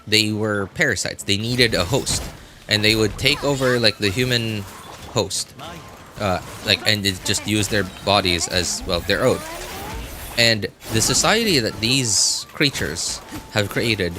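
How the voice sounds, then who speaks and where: With background noise present, a man speaks at a fairly low pitch and a measured pace. He's a game livestreamer chatting casually, hesitant, groping for words and frequently repeating himself.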